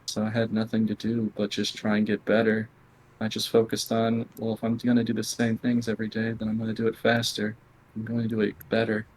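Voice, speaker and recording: Male gamer guest, monotone and blunt, candid halting answers. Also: fairly low pitch, slight background noise, poor audio. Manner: quiet, near whispering at times. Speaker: interview guest, competitive gamer. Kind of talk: candid conversational interview.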